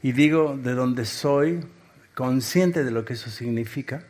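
A man from Argentina, preaching a sermon in short phrases and pausing for an interpreter. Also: mid-range voice, a little mellow. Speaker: guest preacher.

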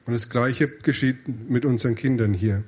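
A man's voice: mid-range voice, moderate pace, darkish tone, slightly rough. A man interpreting a sermon phrase by phrase, with hesitations and self-corrections.

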